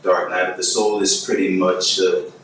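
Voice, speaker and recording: A man speaks in a very low, flat, measured voice as he explains his poetry. He sounds distant in a heavily echoing room. A faint ambient hum sits underneath him. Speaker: published poet, guest. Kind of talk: calm explanation.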